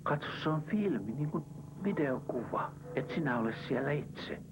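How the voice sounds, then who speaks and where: A man guiding someone under hypnosis with calm, coaxing questions, sometimes dropping to a hush. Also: fairly high pitch. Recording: session audio with clear background noise.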